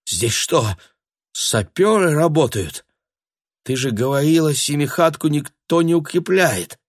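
A man voicing a hot-tempered, tearful young woman who shouts and burrs her r's, in an audiobook. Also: expressive, a little slow, no echo, studio quality. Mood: scornful. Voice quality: burred r. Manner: shrill, shouting.

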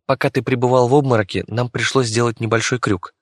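A man's voice: mid-range voice, fairly even intonation, fast, dry recording, clean studio sound, voice pushed up, natural voice. A man voicing a young fox girl in an audiobook, cold and matter-of-fact. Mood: explaining. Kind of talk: audiobook character voice.

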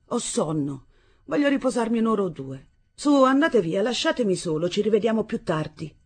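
Drawling, scornful father, put on by a woman, husky and lively. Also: mid-range voice, normal speed, pitched above the performer's own voice. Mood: dismissive. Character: lazy mocking young father, sprawled in bed.

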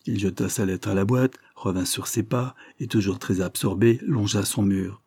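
A man reading a storybook aloud in a steady, even narration. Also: lowish voice, normal speed, slightly rough, dry recording, clean studio sound. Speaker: audiobook reader.

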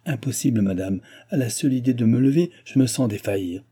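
Un homme jouant une vieille noble rusée. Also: male voice, mid-range voice, animated, a little fast, dark tone, slightly rough. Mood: plaintive. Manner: plaintive, guarded, shrewd bargaining. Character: cunning old noblewoman feigning pain.

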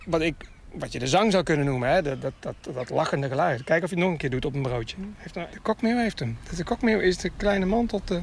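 Man, slightly high-pitched, enthusiastic, casual outdoor radio chat, explanatory, faint ambient noise. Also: animated, quick pace, vocal fry. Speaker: bird enthusiast explaining gull calls. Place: outdoors, near water in a town. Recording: outdoor field recording with background noise. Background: gulls calling.

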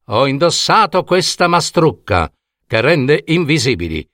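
A man's voice: a little high, very animated, measured pace, a bit bright, dry recording, clean studio sound, pitched above the performer's own voice. A man doing an earnest young peasant boy. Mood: indignant. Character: kind-hearted young peasant boy, desperate.

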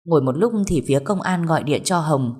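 A woman narrating a story as a channel host, in a calm, measured manner. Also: sits low, breathy edge. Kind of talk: scripted narration.

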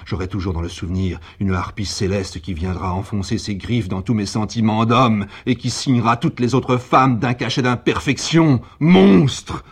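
A man voicing an enraged, betrayed sculptor, husky, swinging from low murmurs to shouted outbursts. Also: expressive, fairly quick, few pauses, full character voice. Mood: raging. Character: enraged betrayed male sculptor, violent and despairing. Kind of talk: dramatic literary reading.

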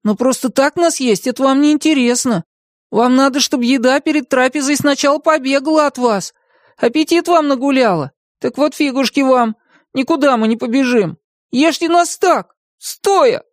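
A reader doing a shrill, excitable young hero. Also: normal speed, no echo, clean studio sound, lightly acted. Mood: excited. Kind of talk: audiobook character voice.

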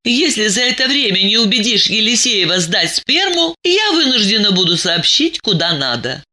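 Woman voicing a stern weary investigator woman, firm, cold, measured, bright voice, audiobook. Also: medium pitch, sing-song, pitched above the performer's own voice. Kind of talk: dramatic audiobook reading.

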